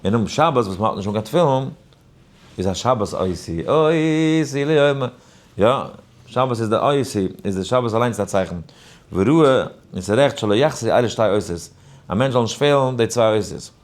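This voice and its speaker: A man who is a rabbi giving an informal Torah lesson, weaving in a personal story, animated and shifting between quiet asides and emphatic points. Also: fairly low pitch, normal speed. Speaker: rabbi teaching a daily Torah class.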